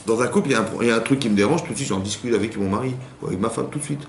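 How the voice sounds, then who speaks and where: A man's voice: mid-range voice, racing. A man giving an informal class to women as a rabbi, talking conversationally with many repetitions and restarts and acting out quoted spouses. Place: community hall class. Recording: echoey room with faint hum.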